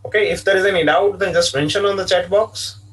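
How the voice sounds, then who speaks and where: A man delivers an online class lecture in a fairly high voice. He explains step by step, repeats points, and often says "okay". The mic sits some distance away, so he sounds distant. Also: fairly even intonation, brisk, a bit bright. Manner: repetitive, explanatory, frequent "okay" fillers.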